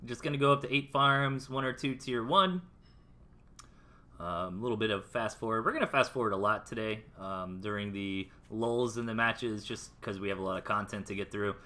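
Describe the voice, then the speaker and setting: Casting a strategy game replay live, an American man speaks in a lowish, pushed, bright voice at a moderate pace. His commentary is casual, slangy and explanatory, with music playing behind him.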